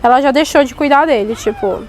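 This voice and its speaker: High-voiced excitable woman vlogging in a store. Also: fairly quick. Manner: excitable, playful mock alarm. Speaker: mother filming a family outing. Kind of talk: casual vlog chat. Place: indoor supermarket aisle. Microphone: handheld phone camera. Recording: noisy store ambience.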